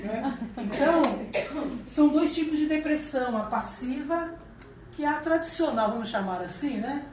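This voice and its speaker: A woman with a Brazilian accent giving a humorous motivational talk to an audience. She is chatty and animated and acts out voices. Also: high-pitched, moderate pace. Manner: chatty, tags lines with "né". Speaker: lecturer. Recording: echoey, mic far off, background noise.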